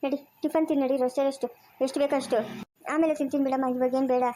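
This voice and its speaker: A woman with a high voice and a Chikkaballapur Kannada accent plays out a homemade family drama. She rattles off fast, scolding village talk. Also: fairly even intonation, mellow, slight background noise. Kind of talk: amateur family drama acting.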